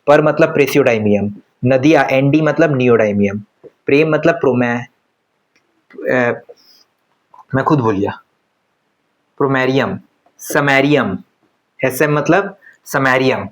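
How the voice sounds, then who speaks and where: A man teaching chemistry in a casual lecture style. He talks conversationally and keeps firing quick questions at students, then answers them himself. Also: medium pitch, rough recording. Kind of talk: classroom lecture.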